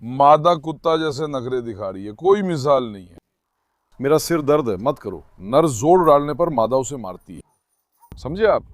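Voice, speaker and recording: A man's voice: medium pitch, normal speed, dry recording. Man who owns dogs, chatty to viewers, soothing to the animals, dry voice. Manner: talks to viewers and calms his dogs in turns. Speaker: dog owner filming his dogs. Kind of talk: casual commentary to viewers.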